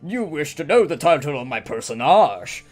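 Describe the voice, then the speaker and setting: A man's voice: on the high side, very animated, faint music behind. A man doing a pompous, grandiose company boss. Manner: slow, grandiose, fussy wording. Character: pompous long-winded male company boss. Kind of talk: fan voice acting of a game script.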